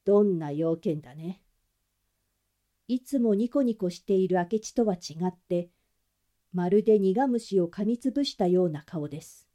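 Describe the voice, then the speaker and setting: Mellow woman reading a story aloud. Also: mid-range voice, animated, normal speed. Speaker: audiobook narrator. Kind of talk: storybook reading of a classic novel.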